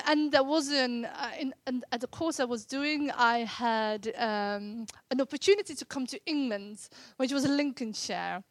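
A woman's voice: sits high, no echo. A woman in her thirties from the Netherlands with a Dutch accent, earnestly sharing her faith testimony in casual conversation, with frequent fillers and restarts. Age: 30s.

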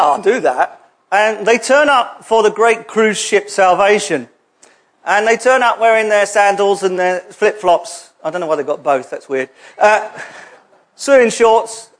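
A man delivers a sermon in a church hall, his voice pitched high for a man. He talks in a conversational way and drops jokey asides to the congregation. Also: fairly bright tone. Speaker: preacher.

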